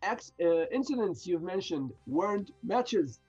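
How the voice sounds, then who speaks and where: A man's voice: high voice, lively intonation, a little slow, darkish tone, husky. A man with a slightly raised voice, trading dry, wry jokes and playful mock arguments. His audio sounds dull and lo-fi, with faint music underneath. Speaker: podcast co-host. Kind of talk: casual wrestling chat.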